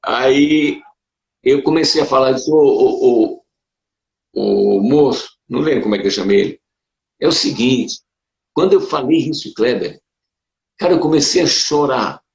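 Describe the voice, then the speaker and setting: A man, a Brazilian pastor, telling his conversion story in a casual conversation, animated and emotional, with sudden leaps up in pitch. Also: a little slow, creaky, pauses often. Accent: Brazilian Portuguese. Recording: dull roomy sound.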